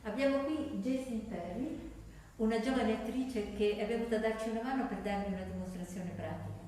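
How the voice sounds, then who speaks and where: A woman's voice: fairly high pitch, a little fast, warm tone, far from the mic, slight background noise. A woman casting director speaking through a face mask as she presents a practical demonstration. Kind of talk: instructional demonstration. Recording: echoey room.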